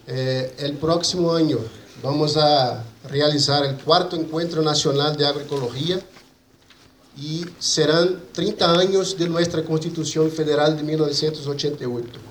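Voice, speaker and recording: A man with a Brazilian Portuguese accent and native Portuguese gives a conference presentation in a halting mix of Spanish and Portuguese, repeating and rebuilding his words. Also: a little high, steady tone. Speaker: conference speaker for an agroecology movement. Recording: roomy echo, faint background noise.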